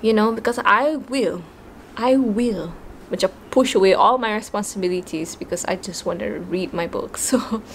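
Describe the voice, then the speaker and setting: A woman's voice: medium pitch, moderate pace, a little hiss or hum. Chatty Malaysian woman mixing in Malay. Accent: Malaysian English. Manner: mixes Malay words into English, chatty and expressive. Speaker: book vlogger. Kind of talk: casual chat.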